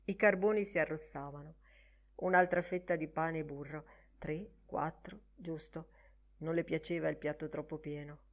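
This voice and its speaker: A woman reads a literary novel aloud in a low-pitched voice. Her narration is expressive and often sinks to a soft hush at the ends of phrases. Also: moderate pace. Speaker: audiobook reader.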